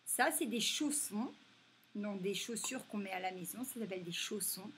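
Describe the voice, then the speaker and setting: A woman teaching a reading lesson to young children, slowly stretching and stressing each example word. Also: medium pitch, a bit bright, a little hiss or hum. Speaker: primary school teacher.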